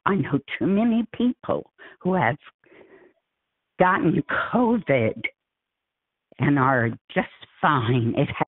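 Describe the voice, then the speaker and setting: A woman's voice: sits low, expressive, takes it slowly, long pauses, husky, dry recording. An older woman, a concerned parent and grandmother, leaving an urgent, emphatic public comment by phone. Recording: tinny phone line.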